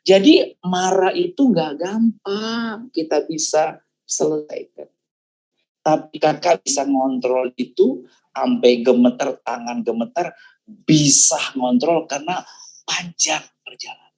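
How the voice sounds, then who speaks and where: An older male pastor preaches from personal experience, telling his story with animated energy. He moves quickly between narration and short, punchy remarks. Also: a little high, rough recording. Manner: animated storytelling, acts out quoted voices. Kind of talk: sermon testimony.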